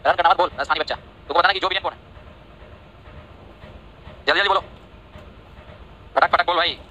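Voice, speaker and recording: A man teaching English vocabulary in a live class, talking quickly and checking over and over that the students follow. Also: high voice, pushed and bright, a little hiss or hum, low-quality recording. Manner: rapid, repetitive checks like "ठीक है?" and "समझे?"; scolds and teases students by name. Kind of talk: online class lecture in Hindi and English.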